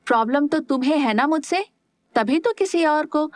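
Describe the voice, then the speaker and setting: Female narrator voicing a young woman, teasing then curt, slightly raised pitch, dry close mic. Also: expressive, moderate pace, no room sound. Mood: cold. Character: young woman, playful teasing sister turned cold wife.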